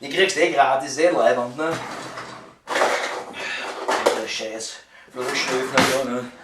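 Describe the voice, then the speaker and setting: A man's voice: mid-range voice, moderate pace. A man in his fifties with a Viennese accent rants casually like a grumbling waiter, swearing and stumbling over repeated words in agitation. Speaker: waiter venting about the job. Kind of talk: casual rambling vlog rant. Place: at home, indoors. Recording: roomy echo, distant mic, clicks and noise.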